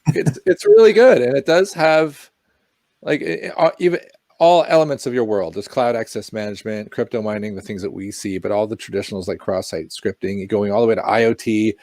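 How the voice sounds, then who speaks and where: A man's voice: fairly low pitch, a little fast, no echo. A man co-hosting a casual tech livestream, chatty and joking, wandering into tangents. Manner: animated, jokey, tangents. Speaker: podcast co-host.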